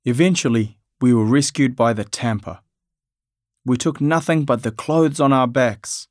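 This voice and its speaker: A man from Afghanistan narrating his family's story in a measured, reflective way. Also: medium pitch, no room sound, studio quality.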